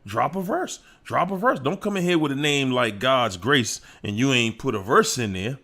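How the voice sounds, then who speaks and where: A livestream host with a medium-pitched, pushed and bright voice talks animatedly at normal speed. He playfully greets viewers by name, hypes up the chat, laughs and sings little snippets.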